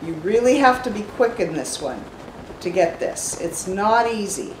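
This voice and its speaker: A woman's voice: medium pitch, animated, measured pace, background noise. An older woman hosting a gaming channel, giving chatty step-by-step commentary as she plays. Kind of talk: gameplay commentary. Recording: roomy echo.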